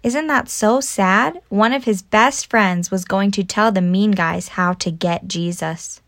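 Female kids' podcast host, animated and simple in delivery, dry makeshift home recording. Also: mid-range voice, a little slow, no room sound. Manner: animated, simple child-directed explaining with questions. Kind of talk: scripted children's storytelling podcast. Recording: makeshift home recording without usual mic.

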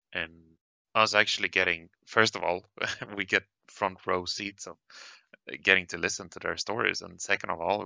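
A man with a low, gravelly voice chats casually as a channel co-host, laughing easily between thoughts. His tone is very bright and forceful, and the sound is dry and close. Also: dry recording. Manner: laughs often, easygoing. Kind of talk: casual chat.

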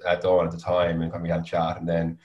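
Fast, low-pitched west of Ireland man. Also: completely flat delivery, dark tone, highs cut off. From Galway, west of Ireland. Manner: hesitant, frequent 'you know' and 'kind of' hedging. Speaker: guest, volunteer youth mentor. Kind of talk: casual interview conversation. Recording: roomy, echoey sound.

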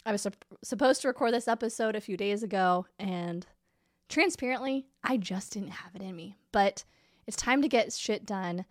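A woman's voice: medium pitch, moderate pace, dry recording, studio quality. A woman hosting her own business podcast, talking casually and candidly while congested from a cold. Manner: candid, conversational, upbeat. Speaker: podcast host and business coach. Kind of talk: casual solo podcast talk.

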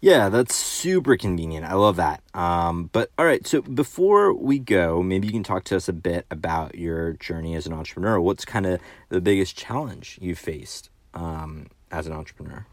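A man with a very deep voice asks questions as an interviewer. He hesitates and restarts often, and his voice sounds dry and close with no room. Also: animated, normal speed, hardly any pauses, dry recording. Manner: hesitant, many fillers and restarts.

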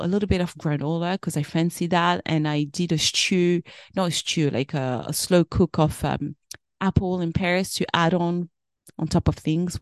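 Chatty woman with a low, dry voice. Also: dry recording. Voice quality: chatty, rambling with self-corrections. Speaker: podcast host. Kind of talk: casual solo podcast chat.

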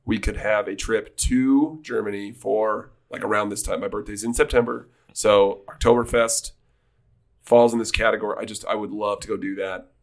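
A man's voice: on the low side, steady tone, normal speed, gravelly. A man in his thirties co-hosting a podcast in casual, jokey chat, rambling with restarts. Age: 30s. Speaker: podcast co-host.

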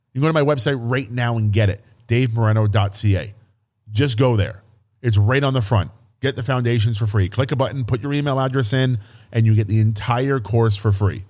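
Low-voiced man giving a podcast sales pitch. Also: a little mellow. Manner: emphatic sales-pitch delivery, coaching hype. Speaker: podcast host. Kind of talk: promotional podcast monologue.

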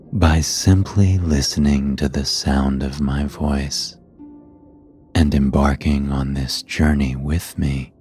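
A man narrating a scripted sleep story as a guide, in a calm, hushed and soothing manner. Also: extremely low pitch. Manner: calm, hushed, unhurried guiding delivery. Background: soft music.

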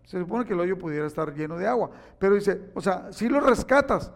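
A man's voice: high-pitched, a little fast, gravelly. A man preaching a sermon, telling stories animatedly and acting out the quotes. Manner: animated storytelling with acted-out quotes. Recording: echoey hall reverb.

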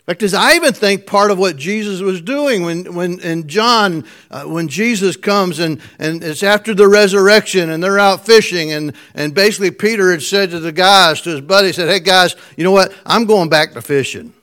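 A preacher with a high, light voice works through a sermon like a storyteller. He chuckles often as he goes. He swings from loud emphasis down to a near hush. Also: normal speed, hardly any pauses.

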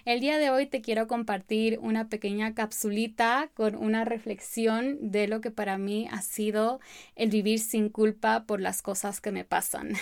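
Fast-talking woman podcast host, dry close sound. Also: medium pitch, clean tone, dry recording. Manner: fast-talking, sometimes trips over words; light laughs between phrases. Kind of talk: solo podcast monologue.

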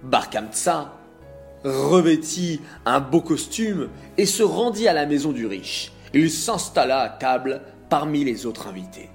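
A man narrating a religious story in a measured, expressive reading voice. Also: mid-range voice. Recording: faint music behind.

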